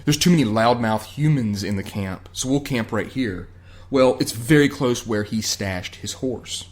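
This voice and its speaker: A man's voice: medium pitch, unhurried. A man hosting a podcast, casually recapping a TV episode in a loose, profane way with lots of fillers. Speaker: podcast host.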